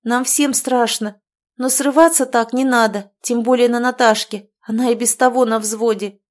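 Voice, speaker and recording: A woman's voice: a little high, steady tone, normal speed, voice pushed up, close to an everyday voice. A woman voicing a young woman who pleads tearfully with her friends in an audiobook. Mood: pleading.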